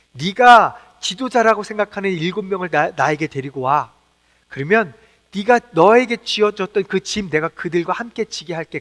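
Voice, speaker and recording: Gentle, consoling fatherly God as a man puts him on, low and soft, in an echoey hall.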